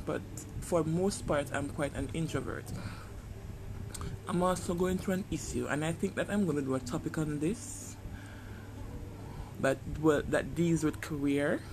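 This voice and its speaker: A podcast host with a Jamaican accent delivers a casual, personal monologue, hesitant and reflective, often groping for the right words. His voice is on the high side, and there's noise in the background.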